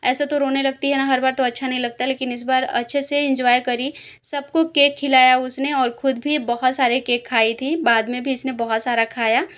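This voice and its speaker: A woman's voice: high voice, little pitch movement, normal speed, few pauses, fairly bright tone. A young woman, a mother, telling her vlog story in a chatty, rambling voice-over full of fillers, tired from a headache. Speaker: vlogger, mother. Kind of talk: casual voice-over narration.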